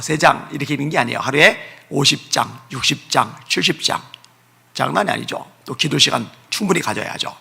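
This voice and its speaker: A man's voice: a little high, vocal fry, sharp tone, slightly rough. A male pastor preaching at a revival meeting in a church, telling personal stories with emphatic repetition. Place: church sanctuary.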